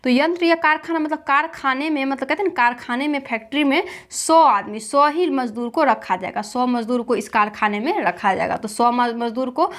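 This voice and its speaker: A woman's voice: high-pitched, normal speed, few pauses, a bit bright. A woman teaching a lesson with memory tricks, asking questions and answering them herself, repeating key points.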